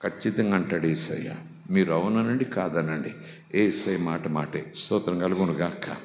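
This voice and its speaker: A male pastor preaching a sermon, firing rhetorical questions that climb high and loud, then sinking low and quiet for emphasis. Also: normal speed, slight background noise. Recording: echoey hall with long reverb.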